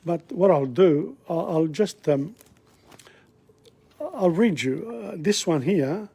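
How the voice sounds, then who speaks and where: A man's voice: a little high, expressive, slow pace, vocal fry, warm tone, breathy edge. A man teaching an informal language lesson, talking in a rambling, digressive, chatty way. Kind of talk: casual spoken lesson. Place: Australia.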